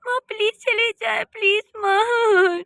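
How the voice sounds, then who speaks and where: A woman's voice: very high-pitched, steady tone, slow pace, creaky, fairly bright tone, no room sound, studio quality. A woman voicing a frightened young village woman who pleads tearfully in a cartoon story. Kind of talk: cartoon voice acting.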